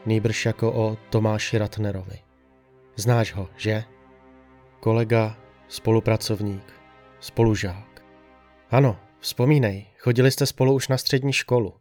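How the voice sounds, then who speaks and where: A man's voice: mid-range voice, a little mellow, natural voice. A man playing a sedated, despairing patient strapped to a hospital bed, speaking in a subdued, weary, grave audio drama monologue with a dry throat. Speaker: hospitalized man telling his story. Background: faint background music.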